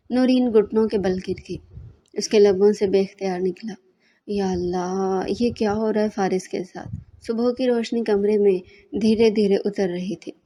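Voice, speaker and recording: A woman with a Pakistani accent reads a romance novel aloud at a steady, measured pace. Her voice is mellow and dark-toned, with an even middle pitch. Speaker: novel reader. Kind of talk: dramatic storybook narration.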